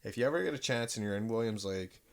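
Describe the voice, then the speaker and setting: A man's voice: on the low side, lively intonation, quick pace, vocal fry. A man co-hosting a casual podcast, rambling and swearing freely as he tells stories, with lots of restarts and fillers. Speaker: podcast co-host. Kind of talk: casual chat.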